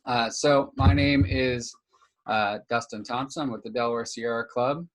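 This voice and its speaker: A man's voice: medium pitch, fairly even intonation, unhurried. A young man hosting a live stream interview on a video call, casual and full of fillers. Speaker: host.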